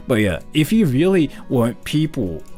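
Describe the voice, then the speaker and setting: A man's voice: a little slow, faint music behind. A young man from Japan, speaking English, chatting casually with viewers on a live stream, rambling and chuckling often. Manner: rambling, chuckling, lively swings in pitch.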